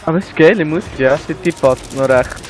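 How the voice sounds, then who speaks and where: A man's voice: on the high side, quick pace, faint music behind. A young man with a Swiss German accent, casually guiding his friend through a co-op shooter mission. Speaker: gamer. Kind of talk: casual co-op gameplay chat. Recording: faint gunfire behind.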